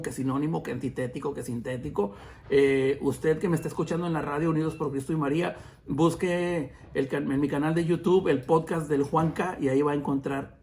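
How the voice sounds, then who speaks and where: A man's voice: fairly high pitch, a little mellow. A man around forty hosting a podcast, teaching the Bible in a casual, chatty way, with many fillers and self-corrections. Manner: addresses listeners as brothers.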